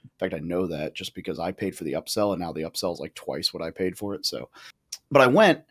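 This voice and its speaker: A man in his thirties speaks with a somewhat low voice in relaxed podcast conversation. He is casual and a little profane, tossing in asides and restarting his thoughts as he goes. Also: quick pace, husky. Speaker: podcast guest, real estate investor.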